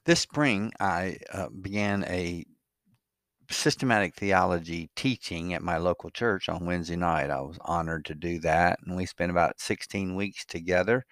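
A man's voice: low-pitched, a bit bright, no echo, studio quality. An older man hosting a podcast, introducing it casually in a reflective, conversational and slightly hesitant way. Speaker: podcast host.

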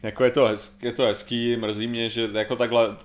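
A man with a mid-pitched voice talks things through in a rambling, hesitant way. He leans on fillers and circles back as he chats casually. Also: flat delivery. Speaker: podcast co-host. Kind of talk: casual chat.

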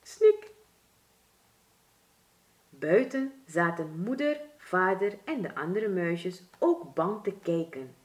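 A woman with a Surinamese Dutch accent reads a children's storybook aloud, taking her time over every sentence. Her voice swings lively up and down as she tells it. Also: fairly low pitch. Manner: expressive, deliberate.

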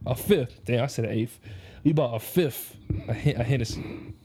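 A man's voice: mid-range voice, moderate pace, warm tone. A man in his twenties in a casual podcast chat, telling rambling, joking stories.

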